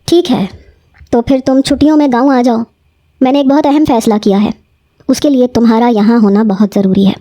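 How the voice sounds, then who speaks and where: A woman's voice: a little high, fairly even intonation, mellow, muffled recording, natural voice. A woman voicing a stern, domineering old grandfather who speaks curtly and gives commands. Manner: curt, commanding, threatening.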